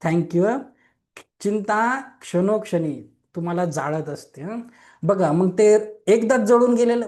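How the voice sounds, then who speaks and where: A man's voice: high-pitched, a little mellow. A young man teaching a Reiki webinar, explaining simply and often checking in with listeners by asking if they agree. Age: young adult. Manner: explains simply with questions and everyday examples. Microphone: online webinar mic.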